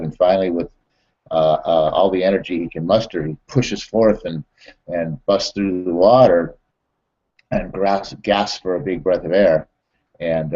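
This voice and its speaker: A man who trains network marketers, telling stories and recapping a lesson in a halting way full of fillers and repeated words. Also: sits low, mellow, slightly rough, muffled recording. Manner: repetitive, halting, many fillers and restarts. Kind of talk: storytelling and motivational training recap.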